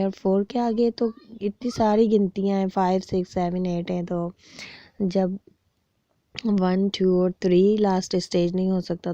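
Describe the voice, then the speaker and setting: A woman from Pakistan, giving a soft, reflective personal testimony and pausing often with fillers. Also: medium pitch, no room sound, lo-fi sound. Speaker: cancer survivor sharing her story.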